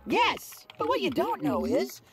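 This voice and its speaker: Robotic office robot lady, gossipy and deadpan, gravelly voice that swoops way up and down. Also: very high-pitched, measured pace, over a noisy crowd, exaggerated voice. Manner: nosy, chatty, deadpan. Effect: robotic game voice. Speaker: video game character.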